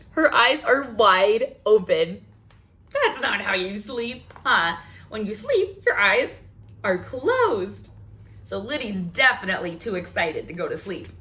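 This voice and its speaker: A bright, forceful woman's voice on the high side swings widely in pitch at a slow pace. She's a children's library storytime host, dramatically reading a picture book and drawing young listeners in with questions and exclamations of wonder.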